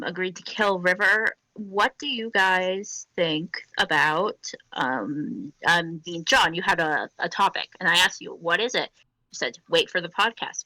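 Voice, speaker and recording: A woman's voice: lowish voice, bright, forceful tone, no echo, poor audio. A woman co-hosting a podcast in casual chat, playful and rambling, cracking jokes. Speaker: podcast co-host.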